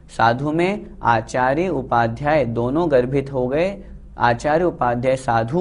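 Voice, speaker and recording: A man teaching a religious text, reciting verses and explaining them word by word in a slow, deliberate way. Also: mid-range voice. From India. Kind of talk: scripture lesson with recitation.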